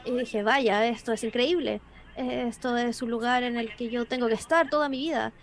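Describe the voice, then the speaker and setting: A woman giving a live interpreted voice-over of an online panel, briskly and with small word restarts and self-corrections. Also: fairly high pitch, fairly even intonation.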